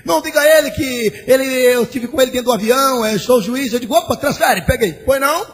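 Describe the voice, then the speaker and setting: A pastor preaching a sermon, shouting bursts and a sing-song cadence as he acts out conversations, in an old church recording. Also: extremely high pitch, fast talker. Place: large church. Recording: old church recording with long hall reverb and faint hiss.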